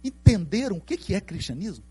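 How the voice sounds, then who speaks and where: A middle-aged Brazilian man with a Brazilian Portuguese accent giving a spiritist lecture, telling stories in an animated way and asking the audience questions. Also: high-pitched, fairly quick, breathy edge. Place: lecture hall.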